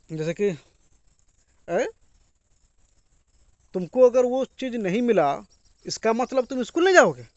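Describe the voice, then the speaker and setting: Casual online tutor, male, higher voice, dry close recording. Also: no echo. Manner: repetitive, slow when stating English phrases. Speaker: English teacher and YouTuber. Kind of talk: casual Hindi-English lesson.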